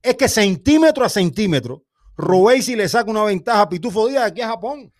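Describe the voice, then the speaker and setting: A Cuban man with a high voice argues his side on a boxing talk show. He is insistent and pleading and says the same thing again and again to be heard. The talk is heated but casual. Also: animated, fast. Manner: insistent, pleading, repeats himself. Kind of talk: heated casual sports debate.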